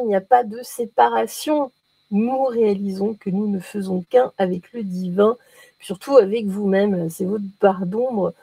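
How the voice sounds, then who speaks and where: Warm, gravelly-voiced woman reading oracle cards. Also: medium pitch, dry recording. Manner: chatty and playful, many hesitations. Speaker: oracle card reader. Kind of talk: casual daily card reading.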